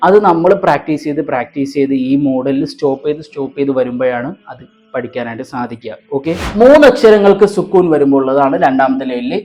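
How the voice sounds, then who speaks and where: A man teaches Quran recitation from a board in a studio classroom. His talk is easy and explanatory, and it turns slow and raised whenever he spells out letters one by one for his students. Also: lively intonation, darkish tone, soft background music. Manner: rises in pitch and slows when spelling letters, casual aside elsewhere.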